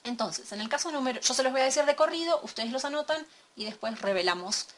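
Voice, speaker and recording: A woman teaching a recorded lesson from slides, explaining step by step and checking in with a quick question. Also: high voice, expressive, fairly bright tone. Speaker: English teacher.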